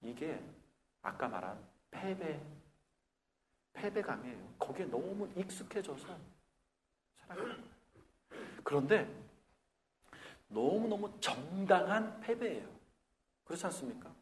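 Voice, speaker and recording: Animated Korean pastor preaching a sermon. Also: male voice, on the high side, unhurried, pauses often. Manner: animated preaching, acts out whiny complaints in a raised voice. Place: Korean church in Melbourne.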